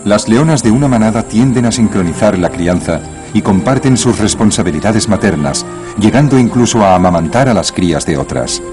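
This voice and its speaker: Nature documentary narrator: man, lower register, music behind. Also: animated, a little fast. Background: music bed.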